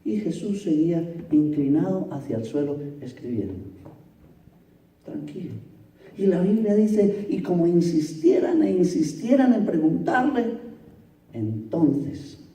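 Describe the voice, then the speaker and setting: A man preaching in a fairly high, mellow voice. He tells the story dramatically, rising to loud bursts and then dropping to hushed passages. The recording sounds echoey, as if picked up from across a church hall. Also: lively intonation, unhurried, far from the mic. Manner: dramatic storytelling, swinging from loud to near-whispered. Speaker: pastor. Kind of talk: sermon.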